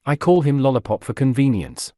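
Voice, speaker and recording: A man voicing a cool-headed young gentleman who speaks with dry, wry humour. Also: medium pitch, very animated, a little fast, no room sound, natural voice.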